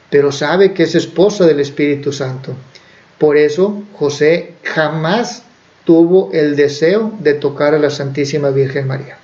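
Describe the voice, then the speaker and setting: A man's voice: a little high, a little mellow. Male preacher retelling a Bible story. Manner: conversational, with fillers and self-corrections. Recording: dull lo-fi recording.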